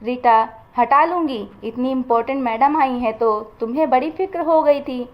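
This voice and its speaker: A woman's voice: sits high, moderate pace, lightly acted. A woman voicing a bitter, resentful demoted office worker who speaks coldly, in a dull lo-fi recording.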